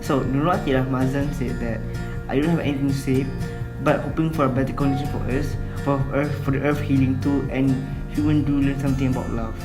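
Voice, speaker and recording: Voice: medium pitch, steady tone, fast talker, roomy sound, over music. A young adult with a Malaysian accent co-hosting an online show, chatting casually and reading out comments, sometimes switching into Malay. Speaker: online show co-host judging entries.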